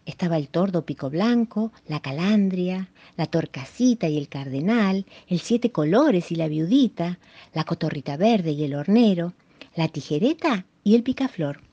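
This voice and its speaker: A woman reading a children's folk tale aloud with an expressive delivery. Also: lowish voice, normal speed, muffled recording. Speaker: storyteller. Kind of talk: scripted storytelling for children.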